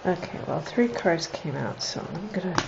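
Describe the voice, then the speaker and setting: A congested, nasal-voiced woman reads oracle cards casually on a livestream, chatting, thinking aloud and laughing often. Her voice is low-ish, expressive and moderately paced, with vocal fry. The lo-fi recording sounds slightly dull, with faint noise.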